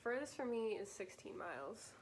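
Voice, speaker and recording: A woman's voice: fairly high pitch, big pitch swings, normal speed, slight background noise. Chatty young woman vlogging. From Michigan. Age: young adult. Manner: chatty, filler-heavy, laughing. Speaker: vlog host. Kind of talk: casual chat on camera.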